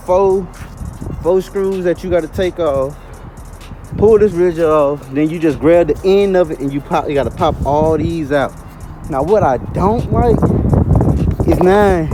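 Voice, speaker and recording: A man casually chatting in slang while working on his car outdoors, filmed on a phone camera. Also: fairly high pitch. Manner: laid-back, slangy, chatty. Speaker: car vlogger. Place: outdoors beside a car in the cold.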